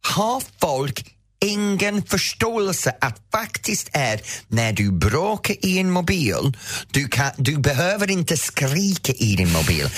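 A man's voice: on the high side, a bit bright. A male radio host telling an exasperated story in a theatrical, emphatic way in a studio. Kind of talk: animated radio banter and ranting story.

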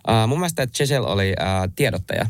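Hesitant, eager man with a lowish voice. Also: lively intonation, dry recording. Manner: hesitant, many filler sounds, enthusiastic. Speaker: podcast co-host. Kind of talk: casual chat.

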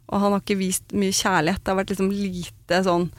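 A woman's voice: medium pitch, little pitch movement. A woman telling a personal story in casual chat, candid and blunt, swearing freely.

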